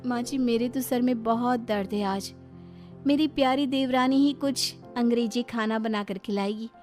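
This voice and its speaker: Woman playing sly, taunting elder sister-in-law, raised pitch. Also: normal speed, a little mellow, faint music behind, natural voice. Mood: mock-sweet. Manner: mock-sweet, taunting. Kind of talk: Hindi cartoon story character acting.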